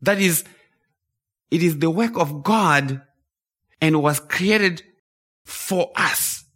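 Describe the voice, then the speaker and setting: A man who grew up in Zimbabwe delivers a sermon at an unhurried pace. His voice sits a little high for a man, and he leans on key phrases and repeats them for emphasis. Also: fairly bright tone. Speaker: preacher.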